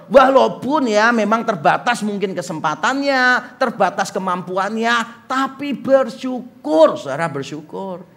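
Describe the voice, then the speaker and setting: A middle-aged man preaching a sermon as pastor, acting out little dialogues and joking with the congregation. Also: sits high. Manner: animated, acts out dialogue and jokes with congregation. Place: church hall.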